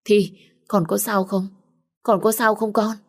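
A woman's voice: mid-range voice, little pitch movement, unhurried, pitched above the performer's own voice. A woman voicing a worried middle-aged mother who speaks anxiously and insistently.

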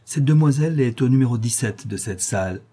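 A man's voice: mid-range voice, expressive, a little fast, dark tone, husky. A man doing a polite hospice director. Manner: polite, formal. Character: respectful male hospice director.

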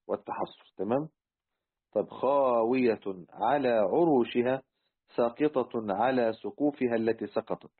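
A man with an Egyptian accent explaining word meanings in a patient, repetitive lesson, often checking "tamam?" and clearing his throat. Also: medium pitch. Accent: Egyptian Arabic. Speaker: Quran word-meaning teacher. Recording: tinny phone-like audio.

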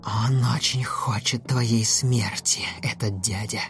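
A man voicing a dying, cruel female manticore in a storybook, with a hoarse, wheezing voice and a slow, gloating drawl. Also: lowish voice, fairly even intonation, faint music behind, lightly acted.

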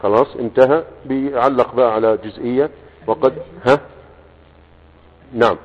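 A man's voice: mid-range voice, fairly even intonation. A man with an Egyptian accent teaching a class. He reads passages aloud, explains them, and keeps asking the students whether they follow. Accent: Egyptian Arabic. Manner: keeps checking understanding with quick questions. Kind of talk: classroom lecture, reading a text aloud and explaining it. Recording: tinny, echoey lecture recording.

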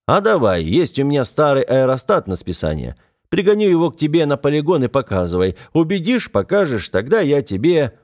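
A man's voice: on the high side, sing-song, a little fast, hardly any pauses, a little mellow, voice pushed up. A man voicing a confident, somewhat dismissive naval officer in an audiobook. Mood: challenging. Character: self-assured naval officer, adult man. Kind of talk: audiobook character voice.

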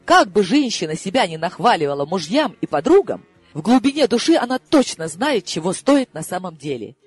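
Lively, wry woman reading an audiobook. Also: medium pitch, fairly quick, slightly rough. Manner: lively, wry and mock-fierce. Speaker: audiobook narrator. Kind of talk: first-person audiobook narration with acted dialogue.

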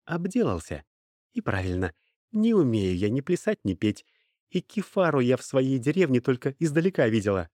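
A man's voice: mid-range voice, big pitch swings, moderate pace, dark tone, dry recording, studio quality, pitched above the performer's own voice, close to an everyday voice. A man voicing a young peasant slave girl who taunts and threatens her former master in a mocking tone. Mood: taunting.

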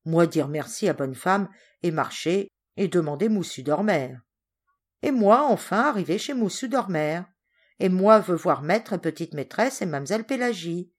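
Woman voicing a big blunt sailor, forties, loud broken pidgin, storybook. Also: expressive, moderate pace. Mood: loud, storytelling. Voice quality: broken pidgin French, booming. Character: burly sailor man in his forties, hearty and blunt.

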